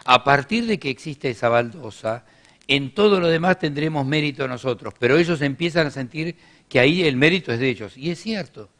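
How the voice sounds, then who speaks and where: A man, giving a business workshop and explaining in a measured way, with many hesitations. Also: fairly high pitch, lively intonation, a bit bright. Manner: measured explaining, frequent "este" fillers. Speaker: workshop speaker.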